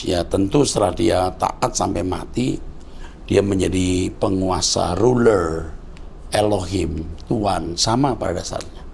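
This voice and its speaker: Gravelly fatherly pastor in his sixties. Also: low-pitched, unhurried, a little mellow, a little hiss or hum. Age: 60s. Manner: fatherly, lecturing, calls listener "Nak". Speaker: pastor answering viewer questions. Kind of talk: conversational teaching.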